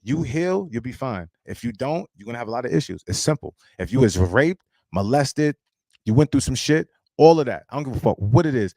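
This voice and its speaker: A man's voice: mid-range voice, sing-song, a little fast, dark tone, no room sound. A man in his late thirties hosting a live stream, giving casual life advice in a blunt, emphatic, preachy way and swearing freely. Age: 30s.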